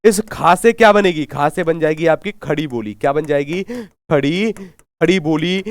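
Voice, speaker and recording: A man's voice: on the high side, expressive, normal speed, no echo. A man teaching a live online Hindi exam class, asking questions and repeating answers, urging viewers to comment. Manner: drills answers with repeated questions and call-backs.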